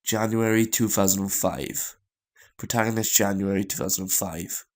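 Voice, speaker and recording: Acting as a gaming host, a man reads a visual novel story aloud, stumbling and repeating phrases as he goes. His voice is on the low side with a steady tone.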